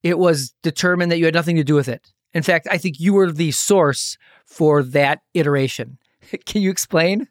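A man's voice: fairly high pitch, normal speed, dry recording, clean studio sound. Wry male host. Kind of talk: casual interview chat.

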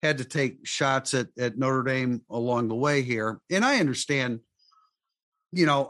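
A man's voice: mid-range voice, fairly bright tone, no room sound. A man hosting a sports talk show, talking with many restarts and sarcastic asides.

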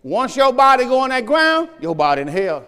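High-voiced preaching man in a reverberant hall. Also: moderate pace, clean tone. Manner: animated preaching with sudden shouts and low asides, talking to the congregation. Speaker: pastor. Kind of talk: sermon.

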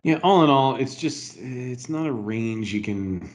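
A man's voice: mid-range voice, lively intonation, measured pace. A man co-hosting a podcast, chatting casually about fantasy racing while he has the hiccups. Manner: hiccuping, laughing asides. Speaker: podcast co-host. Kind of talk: casual sports betting chat.

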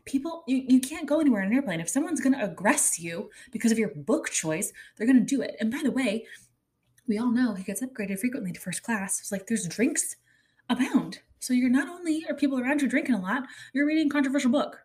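A woman's voice: fairly high pitch, animated, quick pace, a little mellow. A woman in her thirties from Kansas City, telling stories in a rambling, chatty monologue full of "like.". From Kansas City, Kansas, USA. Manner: rambling, chatty, heavy use of "like". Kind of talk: casual comedic monologue.

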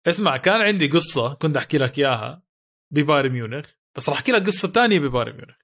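A man's voice: a little high, sing-song, racing, fairly bright tone. A man with a Levantine Arabic accent co-hosting a football podcast, telling stories in casual colloquial chat and repeating phrases for emphasis.

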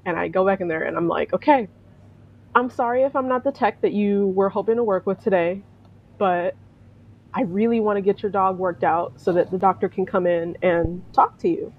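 A woman's voice: mid-range voice, normal speed, highs cut off. A woman telling a personal story in casual spoken style, acting out the voices of the people in it and laughing often. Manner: animated, acts out quoted voices, laughs often. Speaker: storyteller, veterinary technician.

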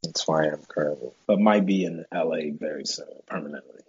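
A man in his thirties co-hosting a podcast, excitable and quick to exclaim in casual chat. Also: very deep voice, slightly rough, muffled recording. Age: 30s. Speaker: podcast co-host.

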